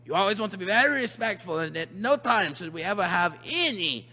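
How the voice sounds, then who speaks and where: A man's voice: high voice, lively intonation, brisk, sharp tone. A man presenting to children in a comic rules announcement, mock-earnest, emphatic and repetitive. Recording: long hall reverb.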